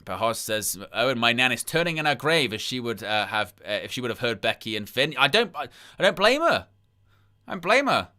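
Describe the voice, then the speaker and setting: A man at medium pitch talks a little fast in a sing-song, bright, forceful way while streaming a live wrestling watchalong. He rambles between disbelieving asides, reads out chat messages, and asks viewers for likes.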